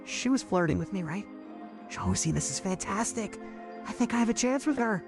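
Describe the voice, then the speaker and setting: A woman voicing a scheming young man, the narrator's pretend boyfriend, in an animated story. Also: medium pitch, moderate pace, close to an everyday voice. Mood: eager. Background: music.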